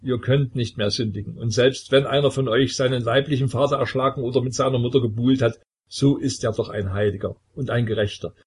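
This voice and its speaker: A man's voice: mid-range voice, steady tone, brisk, few pauses, slightly rough, close to an everyday voice. A man voicing an old male sect leader who preaches with coaxing, jovial authority in a storybook reading. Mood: preaching. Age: older.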